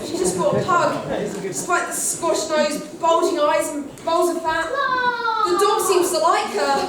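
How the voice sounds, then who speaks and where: A woman's voice: very high voice, fairly even intonation, unhurried, very noisy. A woman playing a cheerful, cheese-loving comic best friend, chatting bubbly with the audience, heard far off in an echoey hall. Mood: cheery. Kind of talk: amateur pantomime, addressing audience. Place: large hall with live audience.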